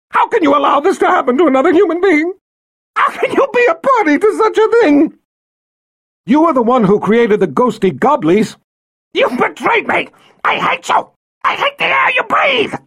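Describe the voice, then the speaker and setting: A man voicing a vain, cruel woman queen who screams hysterically and pleads in a high voice. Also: very animated, moderate pace, hardly any pauses, slightly rough, full character voice. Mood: shrieking. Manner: hysterical, screaming, self-pitying.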